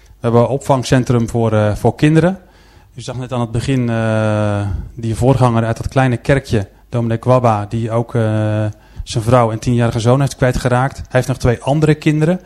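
This man speaks earnestly to a gathered audience, narrating stories around pictures shown on a screen in a church-style presentation. His middle-pitched voice is a little mellow with fairly even intonation, and hesitant filler sounds often interrupt him.

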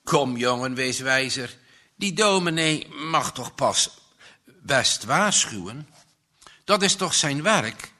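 A man voicing a gentle young woman who calmly talks her angry partner down, in a storybook reading. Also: medium pitch, slow pace. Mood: coaxing. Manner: coaxing, softly reasoning.

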